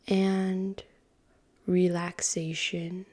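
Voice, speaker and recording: Speaking in a soft, breathy, lowish voice, a woman calmly leads a guided meditation. She takes her time, sliding into near-whispers and pausing at length between phrases.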